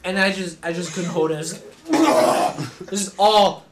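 A man's voice: high voice, fairly even intonation, fast, heavy background noise. A young man co-hosting a podcast, telling rambling stories with frequent laughter and casual swearing. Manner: rambling, laughing storyteller who swears freely. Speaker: podcast co-host. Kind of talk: casual chat, storytelling.

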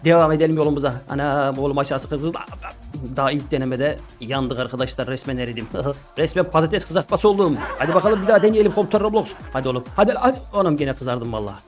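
A man gives excited gameplay commentary at a quick clip. His voice sits fairly high, he exclaims and laughs often, and music plays faintly behind him. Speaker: gaming YouTuber.

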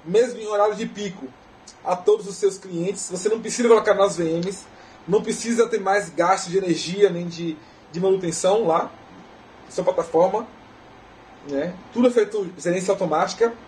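A man with a Brazilian Portuguese accent giving a technical lecture in a relaxed, conversational way, often tagging questions onto his sentences. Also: sits high, moderate pace, slight background noise, poor audio. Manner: conversational, often tags "né?" and restarts phrases. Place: conference lecture hall.

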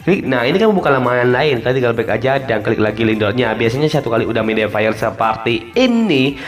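The male voice is mid-range and sing-song, and he talks fast. He's hosting a relaxed, step-by-step app tutorial voice-over, casually repeating directions and drawing out phrase endings, with music in the background.

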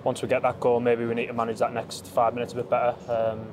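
Recorded on a phone held close in the empty stands of a stadium, a young male footballer in his 20s answers post-match questions amid a noisy background. He talks fast in a totally flat, mid-range voice, stumbling with ums and frequent restarts.

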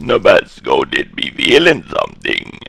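A man voicing a very old, cryptic female fortune-teller in comic game role-play, gravelly and drawn-out, in broken English. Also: sits low, wildly swooping pitch, a bit bright, no room sound, clean studio sound, exaggerated voice. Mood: ominous. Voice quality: gravelly, dusty, smoker's rasp.

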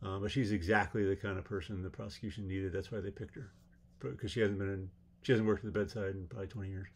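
A man's voice: fairly low pitch, fairly even intonation, quick pace, a little hiss or hum. A man giving a rambling spoken commentary on a court case, blunt and sarcastic, with exasperated asides. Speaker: trial commentator.

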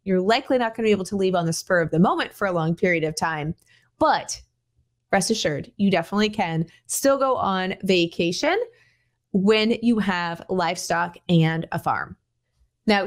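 A woman in her forties hosting a podcast from a small home room, talking in a casual, chatty way through a headset. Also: medium pitch. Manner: chatty, conversational, gestures while talking. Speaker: podcast host. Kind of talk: casual solo podcast talk. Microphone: over-ear headset.

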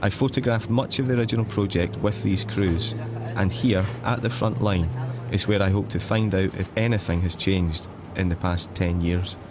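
A man's voice: low voice, normal speed, noisy background. A man reading scripted, first-person documentary narration as the film's maker.

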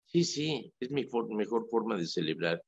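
Un sacerdote católico con acento mexicano que conversa en la radio, con un tono animado y enfático, como quien cuenta anécdotas. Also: male voice, fairly low pitch, normal speed, no echo. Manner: animated, emphatic, storytelling. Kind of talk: casual radio talk. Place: radio studio. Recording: dry lo-fi radio audio.

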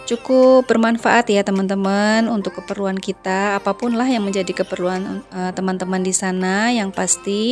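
A woman's voice: medium pitch, fairly even intonation, normal speed, hardly any pauses, faint music behind. Chatty woman vlogger. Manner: chatty, addresses viewers as friends, frequent fillers. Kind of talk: casual voice-over narration.

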